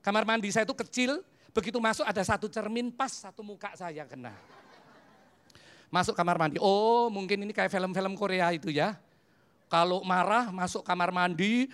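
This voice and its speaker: Animated Javanese-accented preacher in their fifties. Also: mid-range voice. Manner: animated storyteller who acts out dialogues and mixes in English phrases. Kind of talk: humorous sermon with personal stories.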